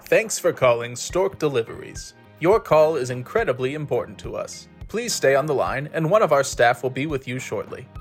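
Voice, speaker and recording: A man's voice: medium pitch, normal speed, few pauses, faint music behind, natural voice. Brief: man as robotic-polite hold-line voice, dry and smug. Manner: polite, smooth, deadpan. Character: smug automated phone menu voice, male.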